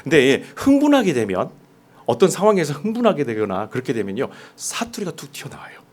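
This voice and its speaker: A man's voice: fairly high pitch, wildly swooping pitch, brisk. A man preaching a sermon as pastor, talking conversationally and putting questions straight to his congregation. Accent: mostly standard Seoul Korean, dialect suppressed. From Jeolla, South Korea.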